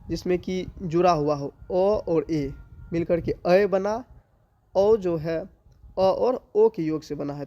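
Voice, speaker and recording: A male teacher with a Bihari accent giving an exam-prep grammar lesson, listing items slowly and answering his own questions. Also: high-pitched, mellow, dull audio. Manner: slow, drawn-out listing with rhetorical questions he answers himself.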